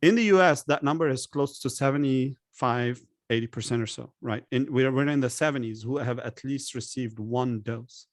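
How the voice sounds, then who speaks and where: A man's voice: medium pitch, normal speed, hardly any pauses, no room sound, clean studio sound. A man from Lebanon speaking as a guest expert in an interview, making emphatic points and posing rhetorical questions. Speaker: guest expert on public health. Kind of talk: conversational interview.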